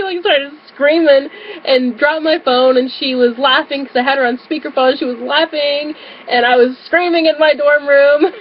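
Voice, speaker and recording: A woman's voice: high-pitched, muffled recording, a little hiss or hum. A young adult woman telling a story on her vlog in a casual way. She giggles often and fills her sentences with "um" and "like". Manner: bubbly, giggly, frequent fillers. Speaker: vlogger.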